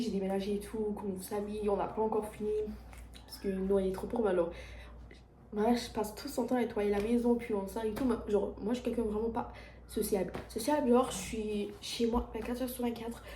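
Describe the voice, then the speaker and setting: A woman's voice: mid-range voice, dark tone, echoey room, a little hiss or hum. A teenage girl with a French accent, talking casually to her viewers in a rambling confessional vlog at home, full of restarts and fillers. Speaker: vlogger. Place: at home, indoors.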